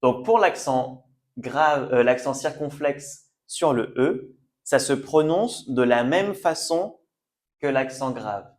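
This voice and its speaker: A man's voice: mid-range voice, lively intonation, slow pace. A man giving a French language lesson, patiently repeating sounds and words and often checking that learners follow. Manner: checks understanding with "d'accord?". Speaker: French teacher.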